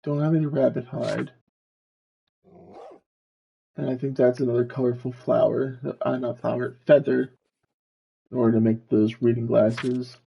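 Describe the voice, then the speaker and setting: A man streaming a video game, slowly talking himself through what he is doing in casual commentary. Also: medium pitch, little pitch movement, creaky, warm tone, highs cut off, a little hiss or hum. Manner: slow, musing, talks to himself while playing.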